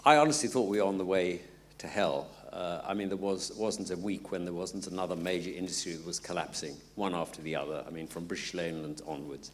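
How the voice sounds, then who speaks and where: A man's voice: low-pitched, brisk. An older man from South Africa making a comment and asking a question from the audience at a conference.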